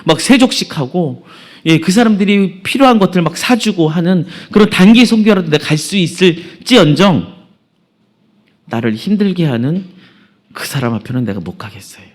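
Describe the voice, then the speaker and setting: A man's voice: sits high, animated, moderate pace. A male preacher giving a sermon, retelling a story earnestly and making emphatic appeals to the congregation.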